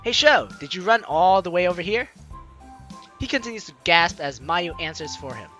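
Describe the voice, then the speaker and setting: A woman hosting a let's play reads the game's narration and lines aloud in a playful, hammy way, tossing in ad-libbed asides. Her lowish voice is expressive and a bit bright, moving at a normal speed. Game music plays behind her.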